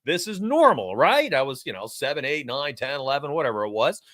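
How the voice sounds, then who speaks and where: A man's voice: medium pitch, fairly quick, no echo, studio quality. A forty-year-old man from New York, hosting a sports betting live stream and chatting energetically with his viewers. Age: 40s. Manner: energetic, talks straight to chat. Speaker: sports betting show host. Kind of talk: casual live-stream chat.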